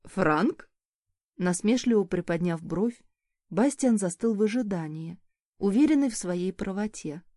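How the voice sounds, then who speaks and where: A woman narrating a first-person novel as an audiobook reader, in an expressive storytelling manner. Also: medium pitch, moderate pace, no room sound, studio quality.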